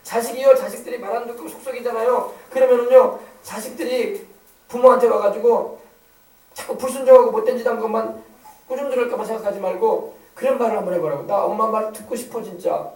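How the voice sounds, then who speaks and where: High-voiced pastor. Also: male voice, fast talker. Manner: animated, emphatic, calls for amens. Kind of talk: sermon. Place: church sanctuary. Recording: echoey church hall, mic at a distance.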